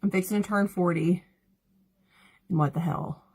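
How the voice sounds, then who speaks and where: A woman's voice: lowish voice, steady tone, moderate pace, a little mellow, slightly rough. Chatty woman on a makeup livestream. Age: 30s. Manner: chatty, rambling, laughs often, reads out viewer comments. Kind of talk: casual livestream chat while doing makeup.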